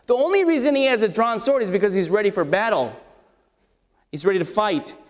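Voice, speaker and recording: Asking his congregation questions in a conversational style, a preacher delivers an expository sermon in a scratchy, high voice with lively intonation and a brisk pace. The sound carries a long hall reverb.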